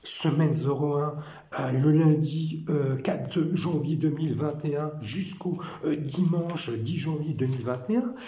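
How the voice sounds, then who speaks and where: A man from France talking to camera in a rambling, repetitive and animated way. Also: fairly high pitch, measured pace. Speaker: vlogger. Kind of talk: casual monologue. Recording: echoey room with faint noise.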